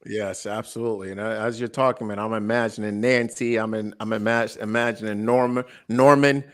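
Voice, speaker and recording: A man in his late twenties co-hosting a podcast, chatting casually in an animated, joking way, with frequent stammered restarts and laughter. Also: on the low side, brisk. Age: late 20s. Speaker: podcast co-host. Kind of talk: casual chat.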